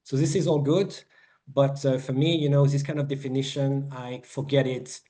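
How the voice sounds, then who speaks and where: A man's voice: mid-range voice, fairly even intonation, normal speed, dark tone. A man with a French accent teaching a sailing weather lesson over an online presentation, explaining step by step with many fillers and restarts.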